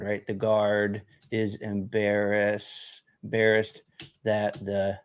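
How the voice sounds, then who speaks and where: A man's voice: fairly low pitch, creaky. Guy hosting a casual demo, talks in loops, repeats himself, laughs a lot. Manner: rambling, repeats words, laughs easily. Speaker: host demoing a game tool. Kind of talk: casual live demo chat.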